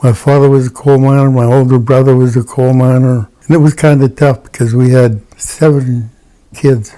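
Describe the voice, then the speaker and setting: An elderly man speaks earnestly about his family. His voice is very dark and mellow. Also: mid-range voice, steady tone, normal speed, low-quality recording. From western Pennsylvania. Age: 80s. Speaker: veteran interviewee. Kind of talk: documentary interview.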